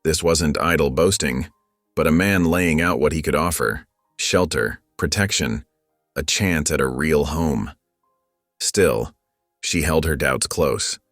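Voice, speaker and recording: Male storyteller, extremely low voice, calm and measured, dry studio sound. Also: dry recording. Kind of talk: scripted narration. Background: faint music.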